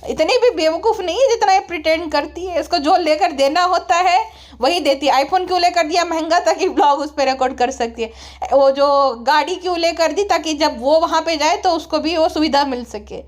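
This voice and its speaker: A woman hosts a casual gossip podcast with a high-pitched voice. She talks chattily and makes teasing, mocking asides as she comments. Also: moderate pace. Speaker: podcast host.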